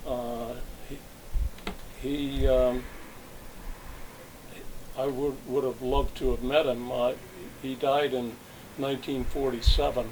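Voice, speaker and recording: Older man recounting his working past for an interview, meandering and halting, with a faint hiss behind him. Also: medium pitch, level tone, darkish tone, low-quality recording. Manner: rambling, reminiscing with frequent restarts. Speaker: interviewee, retired salesman. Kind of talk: oral history interview.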